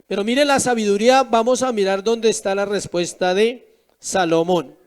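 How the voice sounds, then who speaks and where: A man's voice: high-pitched, normal speed, clear, resonant tone. A man preaching a sermon as pastor, asking rhetorical questions with emphatic rises and drops.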